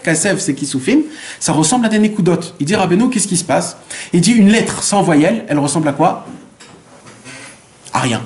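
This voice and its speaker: A man's voice: high voice, a little mellow. A man, a rabbi, teaching a Torah lesson who poses rhetorical questions, answers them himself, repeats phrases for emphasis and drops in Hebrew terms. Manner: mixes Hebrew terms into his speech.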